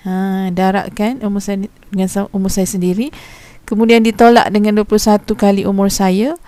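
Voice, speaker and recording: Woman teacher for a recorded lesson: mellow, dry close sound, patient and explanatory, casual asides. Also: medium pitch, little pitch movement, moderate pace, no room sound. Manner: patient explaining, poses questions to students; informal teacher's speech with frequent fillers.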